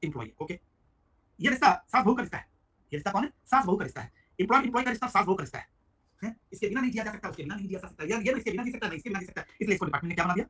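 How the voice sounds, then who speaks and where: A man teaching a live online tax class, talking quickly and calling on students by name. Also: high voice, expressive, a bit bright, breathy edge. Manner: rapid, chatty, addresses students by name. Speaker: GST teacher.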